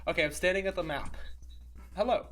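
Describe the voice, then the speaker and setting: A man plays a comedic improvised role-play game in a casual, playful way. His voice sits a little high for a man. When he acts, he suddenly jumps into loud, high squeals. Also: brisk.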